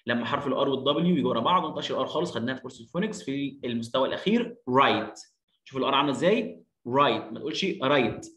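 A man with an Egyptian Arabic accent teaching an English lesson, repeating words slowly to drill pronunciation. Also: mid-range voice, lively intonation, a bit bright, reverberant. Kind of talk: lesson explanation.

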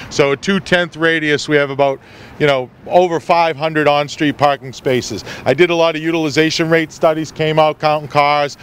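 Middle-aged man, slightly high voice, guiding a street tour with a handheld mic, faint traffic around. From New England. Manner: loose, figure-heavy explaining with fillers. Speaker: tour guide. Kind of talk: outdoor walking tour talk. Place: outdoors on a town street. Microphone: handheld mic, filmed by a nearby camera. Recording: faint street noise outdoors.

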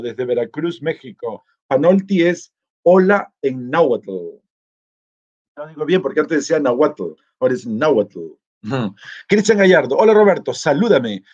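A man with a slightly high, slightly mellow voice hosts a live stream, casually reading out viewer comments and answering them. This vlogger, running a live chat contest, is chatty and easygoing, reading greetings aloud and replying, and the recording sounds muffled.

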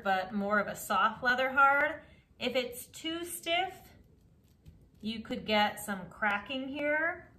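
A woman teaching a pottery lesson, calmly explaining each step while she works the clay. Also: a little high. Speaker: ceramics teacher. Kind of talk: instructional craft demonstration.

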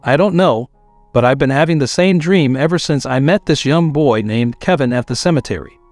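A man reading the lines of a kind, grieving woman in an even, soft way. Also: medium pitch, normal speed, dry recording, faint music behind, lightly acted. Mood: tender.

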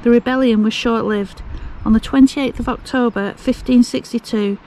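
A woman's voice: a little high, fairly even intonation, mellow, slight background noise, poor audio. Chatty middle-aged woman outdoors. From Scotland. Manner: chatty, reads a sign aloud at an unhurried pace. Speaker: travel vlogger. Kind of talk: casual vlog chat. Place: outdoors on a windy clifftop and fields by the sea.

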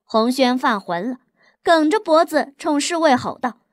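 A woman narrating a novel as an audiobook, in steady storytelling. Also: high voice, a little slow, no echo, studio quality.

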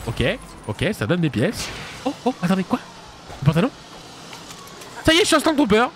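A man streaming a video game live, chatting casually with viewers and reacting loudly as he plays, laughing often. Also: high voice, wildly swooping pitch, fairly quick, background noise. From France. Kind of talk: casual live gameplay commentary.

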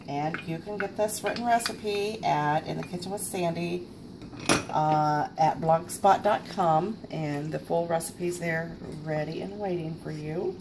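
Deep-voiced and talkative, this woman in her forties hosts a casual cooking show at home, recorded on a camera mic with background noise in her kitchen. She fills her speech with fillers and self-deprecating humor.

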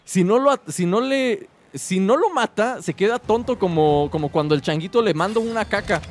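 A man's voice: high voice, lively intonation, moderate pace. A man hosting a multiplayer game session, chatting and hyping up every hit. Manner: loud hype shouting at kills. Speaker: gamer host. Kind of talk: excited multiplayer gaming chat.

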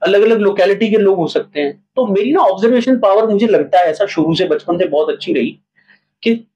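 This playwright and theatre director tells stories animatedly in a relaxed interview, performing little examples as he goes. He has a high-pitched voice and talks a little fast. The highs are cut off, and a little hiss or hum is present.

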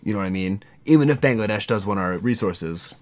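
Casting: American male podcast co-host, low voice, earnest casual debater. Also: animated, brisk. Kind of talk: casual conversational chat.

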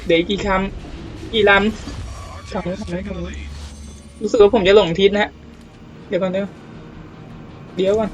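A man giving casual let's-play commentary on a naval battle game, excitable, swearing casually and exclaiming often. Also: high-pitched, a little slow, long pauses, faint music behind, low-quality recording.

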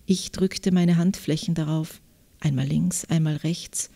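A woman author with an Austrian German accent, answering interview questions and reading from her novel in a measured, thoughtful way. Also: lowish voice, creaky, mellow. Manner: measured, thoughtful, reflective pauses.

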